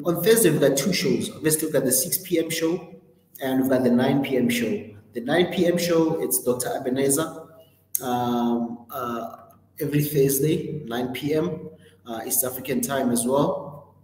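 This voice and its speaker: A man with a mid-range, slightly mellow voice hosts a livestream, casually running through the week's schedule with plenty of ums and self-corrections. The room has a roomy echo and long reverb.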